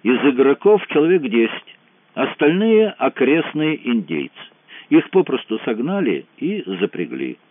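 Brash sarcastic lieutenant colonel, voiced by a man reading a thriller audiobook, slangy, pitched up, tinny phone-like audio. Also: big pitch swings, no room sound. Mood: sardonic briefing. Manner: slangy, mocking, brisk. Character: brash sardonic male lieutenant colonel, soldier. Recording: tinny phone-like dry sound.

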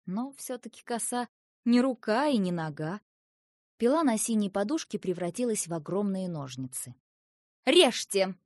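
A woman narrating a children's story as an audiobook, with expressive storytelling. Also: medium pitch, moderate pace, no room sound, clean studio sound.

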